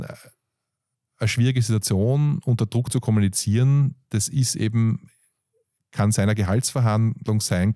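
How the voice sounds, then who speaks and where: A man's voice: on the low side, no echo, clean studio sound. Austrian man telling stories with laughs. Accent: Austrian German. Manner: animated storytelling with frequent laughs and fillers. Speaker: guest, coach and stand-up comedian. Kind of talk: conversational interview.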